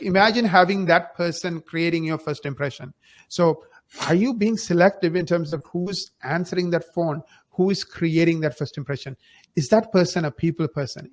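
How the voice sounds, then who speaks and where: A marketing company founder, appearing as a podcast guest, gives advice in a conversational way. His voice is a little high and gravelly, and he speaks emphatically, leaning on rhetorical questions and acting out examples.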